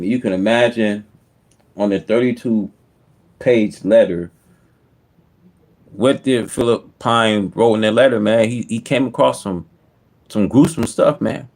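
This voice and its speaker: Low-voiced man giving casual commentary. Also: a little mellow. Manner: repetitive, conversational, slangy emphasis. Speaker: online commentator.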